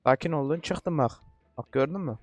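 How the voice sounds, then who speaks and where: A man giving let's-play commentary, cursing a lot in frustration and repeating short words while coaching himself to stay calm. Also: fairly high pitch, normal speed, breathy edge, no room sound. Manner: repetitive outbursts. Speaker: gaming YouTuber.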